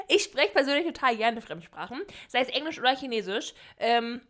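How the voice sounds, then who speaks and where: Bright-voiced chatty teenage girl. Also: fairly high pitch, normal speed. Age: teens. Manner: chatty and expressive. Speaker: podcast co-host, school student. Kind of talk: casual podcast chat.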